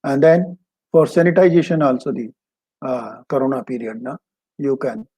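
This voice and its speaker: An older man with an Indian accent giving an informal slide lecture as an expert, speaking haltingly and repeating phrases. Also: medium pitch, warm tone, husky. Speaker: agricultural expert giving a webinar talk.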